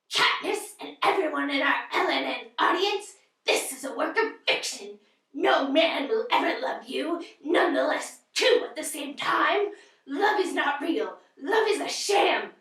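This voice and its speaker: A woman's voice: sits high, pushed and bright, recorded from a distance, exaggerated voice. A woman playing a bitter, gloomy old jilted spinster in a comedy sketch, speaking theatrically with a hissing whisper. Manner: theatrical, scornful. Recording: echoey room, off-mic.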